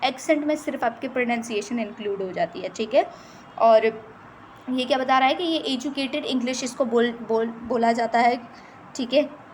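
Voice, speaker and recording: A woman from Pakistan teaching a lecture on English dialects, explaining in Urdu with English terms and slowly reading out English passages. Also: high voice, a little hiss or hum, poor audio. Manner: often adds "theek hai" between points.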